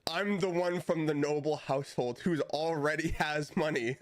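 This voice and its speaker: High-pitched joking man. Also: normal speed. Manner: laughs often, joking. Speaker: player. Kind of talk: casual chat.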